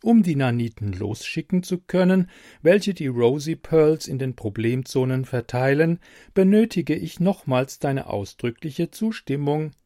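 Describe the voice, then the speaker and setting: A prim household beauty computer talks in formal, mechanical sentences, as a man puts it on. It speaks slowly and a little high, with wide swings in its delivery. The sound is close and dry. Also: animated, warm tone, no room sound. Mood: polite mechanical. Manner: polite, formal, mechanical phrasing. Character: bumbling female-addressing beauty computer, polite, robotic. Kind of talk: audiobook reading.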